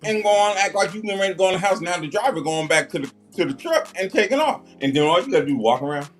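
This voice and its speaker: Emphatic man with lively pitch. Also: rapid-fire, faint music behind. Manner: emphatic, incredulous, joking. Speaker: panelist. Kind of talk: casual panel chat.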